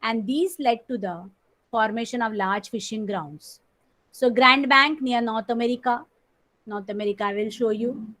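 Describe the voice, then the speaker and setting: A female teacher speaks with a Marathi accent and a sharp tone, her voice on the high side, as she explains slowly during an online class captured by a screen recording of the call. She frequently clears her throat and says key terms more than once.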